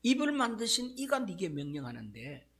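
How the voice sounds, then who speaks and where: A male pastor voicing God as a stern, booming father who scolds with loud rhetorical questions in a sermon story. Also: takes it slowly, gravelly, slightly rough, heavily acted. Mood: angry scolding. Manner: shouting rebukes, rhetorical questions.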